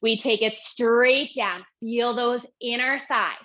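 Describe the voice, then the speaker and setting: Short of breath as she exercises, a young Pilates instructor counts reps and cues moves in a guided workout. She speaks at a slow pace in a fairly high, bright, forceful voice, recorded as dull lo-fi audio.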